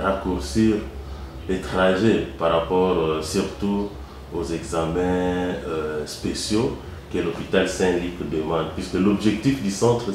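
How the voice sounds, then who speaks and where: A very deep-voiced man with a Congolese French accent speaks as the founder of a medical centre. He talks in a measured way and often pauses on fillers. The recording is very echoey, with a faint hiss behind him. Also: darkish tone. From Kongo Central, DR Congo. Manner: measured, hesitant with frequent "euh" fillers. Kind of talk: interview answers. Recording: very echoey room.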